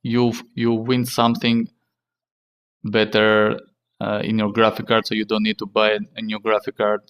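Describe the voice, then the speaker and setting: A man hosting a casual tech tutorial in halting, non-native English, repeating himself and using fillers. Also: fairly low pitch, monotone, a bit bright, smooth. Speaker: tech channel host.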